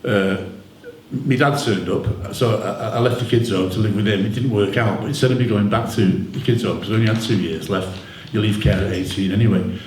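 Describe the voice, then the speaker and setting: This middle-aged man from Manchester, England, an author and musician interviewed at his book launch, speaks in a lowish, darkish voice at a slightly fast clip. He rambles through informal personal stories for an audience, candid and colloquial, saying "you know" often. It's recorded on stage in a roomy indoor event hall with background noise.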